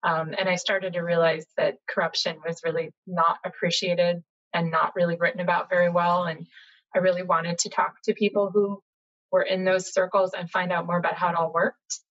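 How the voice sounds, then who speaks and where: A middle-aged American woman, a journalist guest, telling her story in a chatty, animated way over a video call from home. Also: on the low side, normal speed. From United States, Boston area. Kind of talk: casual interview conversation. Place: home room, indoors. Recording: slightly dull lo-fi video call audio.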